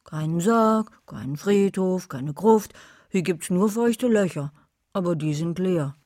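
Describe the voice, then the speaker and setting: A woman's voice: fairly low pitch, lively intonation, unhurried, dark tone, no room sound, studio quality. A woman voicing a timid, grumbling young werewolf boy in an audiobook. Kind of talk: audiobook reading.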